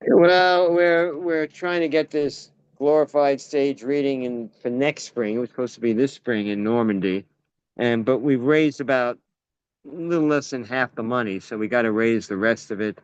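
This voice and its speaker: A man's voice: medium pitch, moderate pace, clean tone, no echo, dull audio. An American actor and playwright chatting casually, telling rambling stories and often restarting his sentences. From United States. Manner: rambling, self-interrupting storyteller. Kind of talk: casual conversation.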